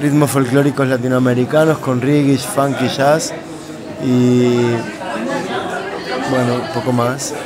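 A man's voice: mid-range voice, level tone, slow pace, long pauses, a loud crowd. A man, a musician interviewed in a small café venue, giving modest, brief answers into a handheld mic. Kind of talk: casual interview.

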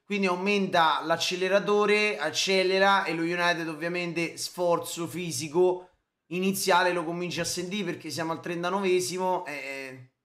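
A young man, a fan streamer reacting live to a match, emotional and swearing, repeating his shouts. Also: sits high, fairly even intonation, moderate pace. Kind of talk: excited live match commentary.

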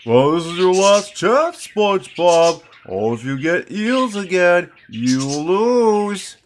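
Woman as overacted, slow, swooping cartoon Patrick. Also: on the low side, very animated. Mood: gloating. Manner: overacted, exclamatory, drawn-out delivery. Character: excitable, gloating, dim-witted cartoon starfish man. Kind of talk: overacted cartoon fan dub. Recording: home recording with clear background noise.

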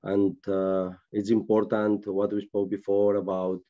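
A man in his forties, a football manager at a post-match press conference, answering in halting, searching English over a video call. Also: lowish voice, completely flat delivery, highs cut off. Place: press room with sponsor board.

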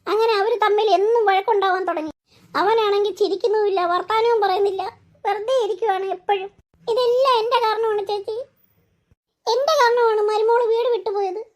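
A woman voicing a remorseful older mother-in-law in a cartoon, lamenting with repeated cries of dismay. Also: very high-pitched. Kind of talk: cartoon voice acting.

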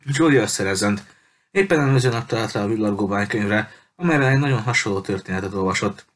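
A man reading a novel chapter aloud in steady, measured narration, with the odd small stumble. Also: fairly low pitch. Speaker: audiobook reader. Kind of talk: scripted narration.

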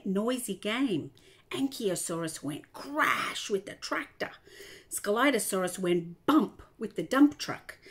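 An older woman reading a picture book aloud to children, stopping to talk about the pictures. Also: mid-range voice. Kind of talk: storybook read-aloud to children.

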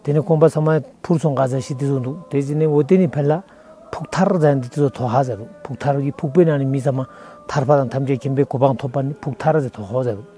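A man's voice: mid-range voice, fast, dark tone, soft background music. A middle-aged monk telling the history of his monastery in an outdoor interview, recorded on a lapel mic. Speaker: senior lama of the monastery.

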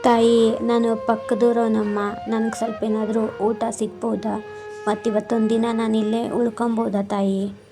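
A woman voicing a frail elderly beggar man in a cartoon, speaking softly and humbly as he begs. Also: on the high side, little pitch movement, measured pace, music in the background. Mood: pleading. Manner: soft, humble, begging.

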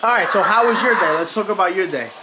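A man's voice: high voice, fast. A man in his thirties chatting casually to a handheld camera at home, rambling and teasing, swearing often. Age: 30s. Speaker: family vlogger. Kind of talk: casual vlog chat. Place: home kitchen and bedroom, indoors. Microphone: handheld camera at arm's length. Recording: noisy home camera audio.

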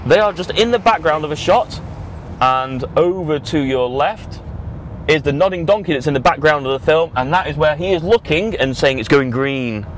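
Here a young British road-trip vlogger talks informally at a normal speed, his voice a little high and his intonation lively. The dashboard action camera in the car, whether moving or parked, also catches road and engine noise.

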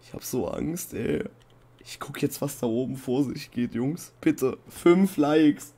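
A young man narrates a spooky game session at an unhurried pace, keeping it casual and joking about how frightened he is. Every so often he jumps into high, panicked yelps before settling back down. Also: gravelly, slightly rough. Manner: playful mock fear, bursts into high panicked shouts. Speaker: Minecraft let's-play host. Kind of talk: casual gaming commentary.

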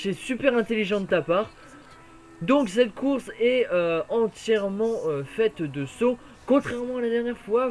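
A man giving jokey, excitable play-by-play of a racing game, his voice worn from being ill. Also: high-pitched. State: voice worn from illness. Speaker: gaming YouTuber.

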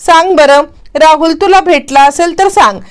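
A woman's voice: extremely high pitch, normal speed, voice pushed up. Woman voicing a worried, coaxing young husband. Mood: pleading. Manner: pleading, coaxing questions.

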